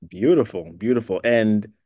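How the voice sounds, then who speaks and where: A man hosting an interview, affirming his guest warmly and asking questions that wander a little. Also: on the low side, normal speed, no room sound, clean studio sound. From New York. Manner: affirming, encouraging, rambling questions. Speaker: interview host. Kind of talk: casual interview.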